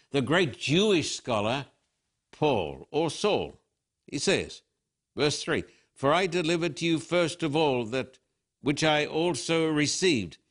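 Older pastor preaching, bit high voice, tells it like a story, acts out the quotes. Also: male voice. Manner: animated storytelling, acting out quotes. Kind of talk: sermon.

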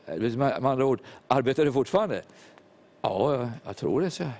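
A man's voice: medium pitch, lively intonation, gravelly, darkish tone. Older man preaching a sermon. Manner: storytelling, acts out quoted voices. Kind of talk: sermon testimony.

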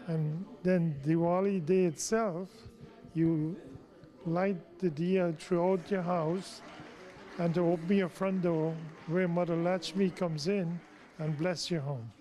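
A middle-aged man from Guyana, a temple president answering interview questions in a measured, explanatory way. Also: high-pitched, steady tone, warm tone.

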